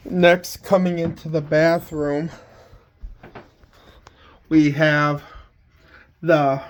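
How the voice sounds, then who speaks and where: A male hobbyist vlogger with a slightly raised, level-toned voice shows off his collection in a casual, unscripted home video tour. He walks between rooms indoors, speaking very slowly and haltingly in plain words, often pausing mid-sentence.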